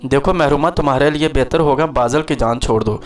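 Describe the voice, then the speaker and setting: A man's voice: medium pitch, a little fast, close to an everyday voice. A man reading the lines of a jealous, bitter young woman who spits spite and begs in turns, in a storybook narration. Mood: venomous.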